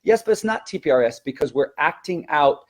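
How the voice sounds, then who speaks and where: Presenting a conversational training webinar as a language teacher, a man speaks emphatically, posing rhetorical questions in stop-and-start phrases. His voice is fairly high, animated, and fairly quick.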